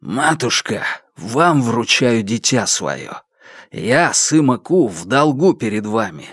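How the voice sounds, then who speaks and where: A grim bandit chief and father speaks in a slow, measured, deliberate way , as a male reader plays him close to his own voice. His tone stays low and even. The recording is dry and close. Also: husky, no room sound, exaggerated voice. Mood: stern. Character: stern bandit leader and father, grim and resolute.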